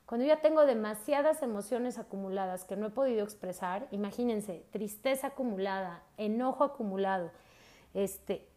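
A woman's voice: mid-range voice, normal speed, mellow. A woman gives a casual talk on emotions to her listeners. She speaks straight to them and keeps asking rhetorical questions. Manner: speaks directly to listeners, often asks rhetorical questions and adds a tag "¿no?". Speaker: host of an emotional wellbeing talk.

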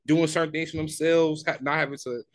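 A man's voice: a little high, fairly even intonation, brisk, dry recording. A man in his twenties co-hosting a podcast in casual chat. He talks in a laid-back, slangy way and restarts his sentences often. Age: 20s. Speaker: podcast co-host.

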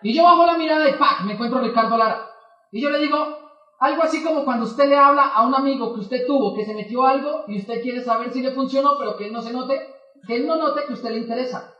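A man with a very high voice tells a story to an audience and acts out every exchange in lively back-and-forth. He sounds set back from the mic, in a roomy, echoing space. The sound is a little dull. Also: quick pace, far from the mic. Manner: animated, acts out both sides of dialogues. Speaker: motivational speaker.

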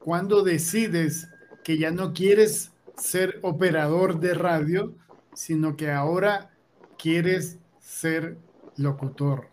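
A man hosting an online interview, asking friendly questions at a slow, deliberate pace. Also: a little high, a little hiss or hum. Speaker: interview host. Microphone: video call.

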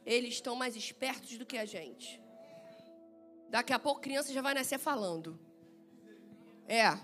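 A woman pastor, preaching in church in a lively, playful way, acting out dialogue and laughing often. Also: a little high, normal speed, soft background music. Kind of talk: sermon with personal storytelling. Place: church service.

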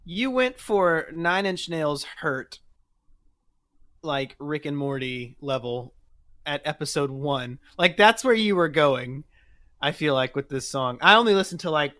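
A man's voice: fairly high pitch, lively intonation, measured pace, sharp tone. A young man co-hosting a casual chat, laughing a lot and rambling with lots of filler words. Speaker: co-host.

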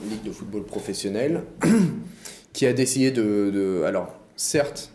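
A man's voice: fairly low pitch, animated, a little slow, warm tone, reverberant, slight background noise. A man from the control room joining a football panel, playful and self-mocking. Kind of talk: casual panel chat.

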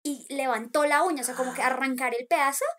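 A woman in her thirties with a Colombian accent, casually telling childhood stories with an animated manner. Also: high voice, quick pace, background noise. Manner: animated, acts out voices in quotes, laughs often. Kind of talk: casual storytelling chat.

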